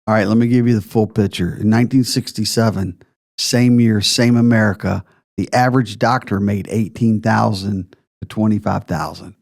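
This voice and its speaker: A man's voice: fairly low pitch, fairly even intonation, normal speed, gravelly. A man hosting a retirement planning podcast, explaining figures step by step with emphasis.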